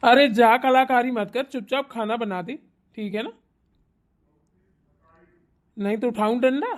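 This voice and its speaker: A young married son who talks bluntly and scolds his wife in a cartoon, voiced by a woman. He speaks with a Bundelkhandi accent at a somewhat high pitch. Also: unhurried, natural voice. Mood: scolding. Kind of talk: cartoon voice acting.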